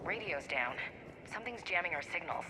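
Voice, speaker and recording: An actor playing an alert, dutiful soldier squadmate in a video game, giving terse military reports. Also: male voice, sits high, animated, fairly quick, roomy sound, very noisy.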